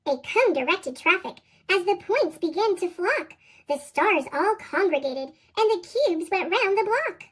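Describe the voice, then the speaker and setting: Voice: animated, a little slow, a bit bright. A reader with a sped-up chipmunk voice effect, reading children's picture books aloud in a bouncy sing-song. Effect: sped-up, high chipmunk-style pitch shift. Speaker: storybook reader.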